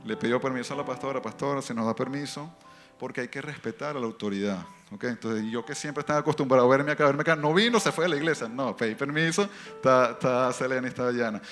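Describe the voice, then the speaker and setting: A man with a foreign accent giving a lively church testimony in story form, moving between quick and drawn-out phrases. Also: mid-range voice, soft background music. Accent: foreign accent in Spanish.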